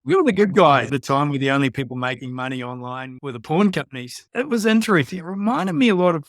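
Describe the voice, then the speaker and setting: A man's voice: fairly high pitch, very animated, fast talker, no echo, studio quality. A man with a New Zealand accent telling anecdotes casually as a podcast guest.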